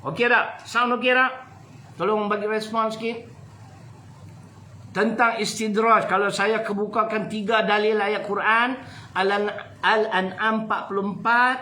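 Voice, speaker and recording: A man with a Malaysian Malay accent giving a lively, humorous religious lecture to an audience. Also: high voice, roomy sound, rough recording. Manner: animated, jokey, switches between loud and soft. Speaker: preacher.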